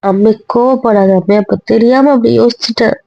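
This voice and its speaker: A woman's voice: on the high side, brisk, mellow, dry recording, lo-fi sound. A woman playing a young wife who keeps coaxing and pleading with her husband in an amateur audio drama.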